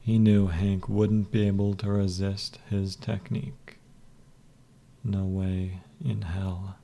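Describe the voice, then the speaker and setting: A man reading a story aloud in a slow, soft, even delivery. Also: low voice, creaky, slight background noise. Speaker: narrator. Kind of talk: scripted story narration.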